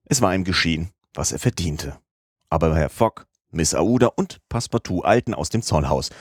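A man calmly narrating a classic novel as an audiobook, in a measured reading style. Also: low voice, dry recording, studio quality.

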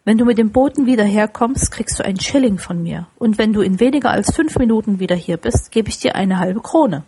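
A woman voicing a giddy, overjoyed old male miser in an audiobook, with excited exclamations. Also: medium pitch, fairly quick, slight background noise, close to an everyday voice.

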